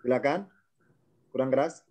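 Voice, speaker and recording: A man's voice: medium pitch, fairly even intonation, normal speed, a little mellow. A man teaching an online grammar class, explaining patiently, repeating key terms and quizzing his students.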